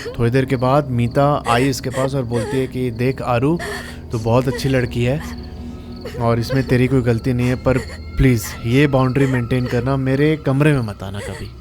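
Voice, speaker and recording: A man's voice: medium pitch, steady tone, normal speed, over music. A man narrating a true horror story in a casual, chatty way, talking to listeners like friends.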